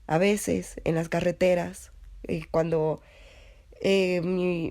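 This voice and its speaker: A young woman with a Mexican accent tells a personal story in a casual, rambling way, full of fillers and self-corrections. Her voice sits fairly low with a somewhat dark tone, and she's contributing the story.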